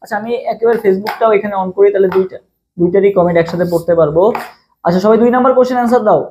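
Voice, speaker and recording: A man's voice: high-pitched, a little mellow, a little hiss or hum. A young man with a Bangladeshi Bengali accent teaching a live online admission-test class, repeating each question over and over and urging viewers to comment their answers. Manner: fast, repetitive, drills each question over and over. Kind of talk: live-streamed exam prep class.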